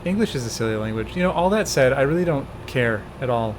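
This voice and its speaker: A man's voice: mid-range voice, expressive, quick pace, slight background noise. A man in his twenties streaming, casually coaching a speedrun step by step and laughing often. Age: 20s. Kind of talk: casual gameplay chat.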